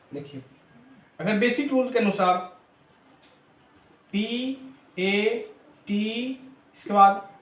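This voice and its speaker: A man's voice: high voice, reverberant. A man teaching a lesson, spelling letters out one by one. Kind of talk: classroom lesson.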